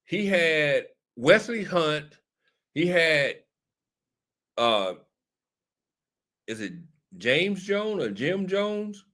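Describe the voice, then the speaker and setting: Tipsy high-voiced man, laughing, rambling. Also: very animated, extremely slow, long pauses, a bit bright. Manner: laughing, rambling, repeats "hold on". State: a little tipsy. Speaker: show host. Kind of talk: casual political commentary.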